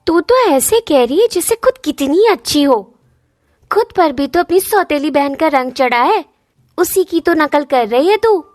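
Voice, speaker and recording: Gossiping cartoon teen girl, snappy and teasing; woman voices her. High, dry. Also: lively intonation, moderate pace, no room sound. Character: gossiping teenage girl friend, quick to anger. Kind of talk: cartoon dubbing.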